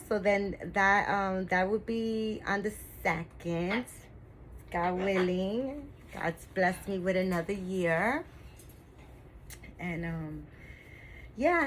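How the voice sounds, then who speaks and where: A woman's voice: medium pitch, slight background noise, low-quality recording. A woman in her fifties, a doll-collecting vlogger, chatting casually to her viewers in a rambling way, full of fillers and restarts. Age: 50s.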